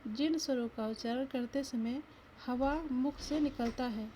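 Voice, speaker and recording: A woman's voice: high voice, a little slow, warm tone, slight background noise. A woman teacher giving an exam-prep lesson, asking the viewer questions and sounding out each letter aloud.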